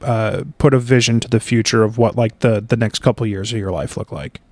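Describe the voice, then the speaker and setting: A man's voice: on the low side, fairly even intonation, fairly quick, darkish tone, dry recording. A man hosting a podcast in casual conversation, asking long rambling questions with fillers and restarts. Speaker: podcast host.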